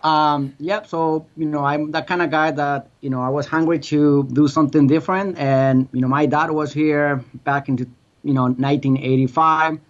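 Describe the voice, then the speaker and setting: A man from Guatemala, a guest answering interview questions in a relaxed way, with lots of fillers. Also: a little high, normal speed, dull audio. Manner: relaxed, conversational, many "you know" fillers.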